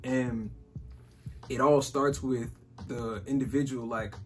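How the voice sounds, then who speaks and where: Speaking slowly with a steady tone and medium pitch, this Chicago man in his twenties hosts a laid-back podcast on business and money. Faint music plays behind him, and "bro" and "like" come up constantly.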